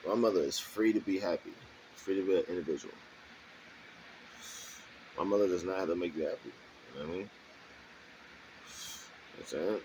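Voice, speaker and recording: A man with a low, dark voice delivers a loose, defensive monologue from his garage. He repeats himself often, keeps checking that the listener is following, and holds a mellow tone over faint ambient noise. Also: fairly quick, pauses often, low-quality recording. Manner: defensive, repetitive, keeps asking "you know what I'm saying". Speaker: vlogger. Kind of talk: rambling monologue to camera.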